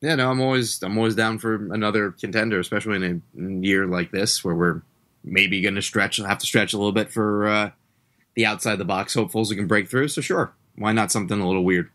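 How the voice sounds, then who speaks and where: Man panelist, lowish voice, thoughtful long-winded takes. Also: a little fast, a bit bright. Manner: analytical, talks in long winding sentences. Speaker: podcast panelist. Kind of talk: casual podcast discussion.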